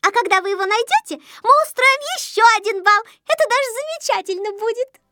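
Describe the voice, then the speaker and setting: A woman reading a storybook aloud, voicing a cheerful, hospitable little girl with a bright, welcoming manner. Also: extremely high pitch, lively intonation, fast talker, no echo, faint music behind, pitched above the performer's own voice, exaggerated voice.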